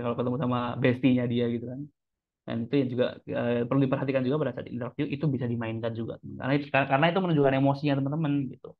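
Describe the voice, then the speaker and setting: A chatty male speaking trainer explains his tips in a relaxed, conversational way. He keeps turning to his listeners and acting out short examples. His voice sits at an ordinary middle pitch, and it comes through thin and narrow, like a phone call. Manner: chatty, addresses listeners as friends, demonstrates examples. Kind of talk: casual teaching talk. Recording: tinny phone-like sound.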